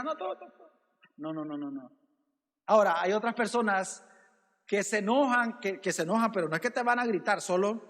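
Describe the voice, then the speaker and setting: The sermon is delivered by a pastor whose voice is notably high and a touch bright, echoing with a church hall's long reverb. Again and again he calls listeners brother and asks rhetorical questions.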